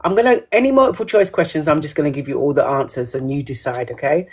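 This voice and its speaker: A woman with a low, slightly rough voice speaks fast as she hosts a live menopause quiz. She reads every question twice and chats back to viewers' comments.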